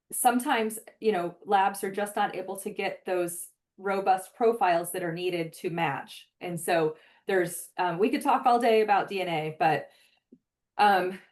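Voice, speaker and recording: A forensic database program's presenter, a woman, talks through a webinar earnestly and conversationally, explaining as she goes and saying "um" often. Her voice is medium-pitched and a little mellow.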